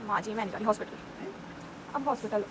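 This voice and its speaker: A woman's voice: mid-range voice, quick pace, background noise. A woman in her late forties chatting casually through a family home vlog, scolding and teasing a child as she goes. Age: 40s. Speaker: family vlogger.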